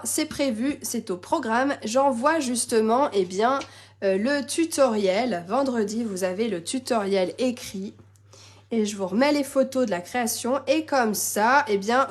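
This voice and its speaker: A woman hosting a live crafting tutorial, chatty and bubbly, answering viewer comments as she works. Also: high voice. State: slightly losing her voice, coughing. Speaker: crafting demonstrator and live-stream host.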